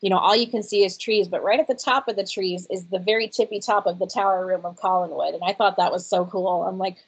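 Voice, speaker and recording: A woman co-hosting a podcast in casual chat, hoarse and losing her voice, rambling along. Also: mid-range voice, fairly even intonation, quick pace, low-quality recording. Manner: rambling, many fillers and restarts. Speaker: podcast co-host.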